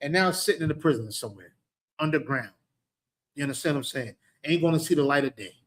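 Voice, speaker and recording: A man's voice: on the high side, expressive, quick pace. A man with a New York accent teaching a scripture class, emphatic and conversational, often checking that listeners understand. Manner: emphatic, keeps asking "you understand". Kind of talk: street-preaching scripture class.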